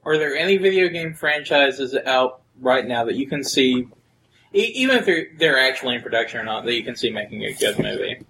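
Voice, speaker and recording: A man co-hosting a casual podcast, telling crude jokes in an animated way. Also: mid-range voice, brisk, vocal fry, slight background noise, rough recording. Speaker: podcast co-host. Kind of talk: casual chat.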